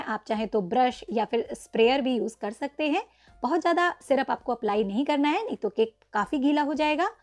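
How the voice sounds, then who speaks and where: A cooking channel host narrates a step-by-step cake icing tutorial in a high, slightly mellow voice. She guides viewers patiently and addresses them as friends.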